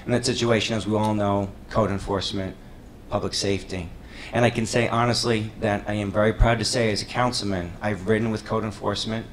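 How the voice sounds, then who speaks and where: Low, flat-voiced man, earnest statement. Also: brisk, few pauses, slight background noise, rough recording. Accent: New York. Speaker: town councilman and candidate. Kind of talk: opening statement at a debate. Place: public meeting hall.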